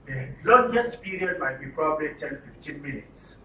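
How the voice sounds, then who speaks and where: A man with a Nigerian accent leads a live group workshop, teaching through rhetorical questions and repetition in a high-ish, expressive, sharp-toned voice at a moderate pace. The audio is dull and roomy, from a distant mic with some noise.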